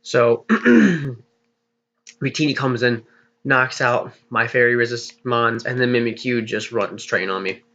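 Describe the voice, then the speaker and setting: A man's voice: mid-range voice, measured pace, creaky, fairly bright tone. A young man casually talking through his team plans for a league battle, rambling and poking fun at himself. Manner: rambling, self-deprecating, laughs at himself. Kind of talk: casual gaming commentary. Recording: slightly dull lo-fi mic.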